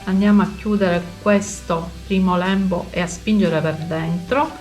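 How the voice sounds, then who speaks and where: A woman's voice: lowish voice, unhurried, a little mellow. A woman giving a step-by-step cooking tutorial, instructional and narrating each movement as she goes. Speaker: home cooking show host. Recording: roomy echo, music underneath.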